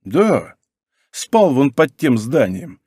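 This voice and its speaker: A man voicing a good-natured Czech laborer who softens his consonants and lisps slightly. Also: mid-range voice, very animated, takes it slowly, slightly rough, no echo, studio quality, full character voice. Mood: earnest.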